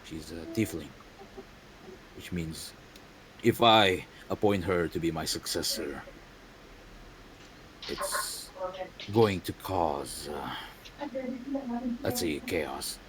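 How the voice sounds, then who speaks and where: A man plays a grave, aging head of a noble house in a tabletop game. He speaks low, slow and measured. The voice stays close to the performer's own, with a faint hiss of noise behind it.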